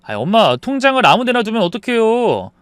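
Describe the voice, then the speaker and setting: Guy doing a grown son who keeps brushing his mom off, bit high, lively. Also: a little fast, clean tone, no echo, studio quality, full character voice. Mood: dismissive. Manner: whiny, starts lines with a sighing "ah". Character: dismissive adult son, sides with his wife.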